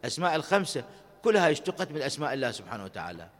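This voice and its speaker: A man's voice: medium pitch, very animated, rapid-fire. A man with an Iraqi Arabic accent preaching a sermon at a shrine, impassioned and pleading, with some lines chanted melodically. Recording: long reverb of a large hall.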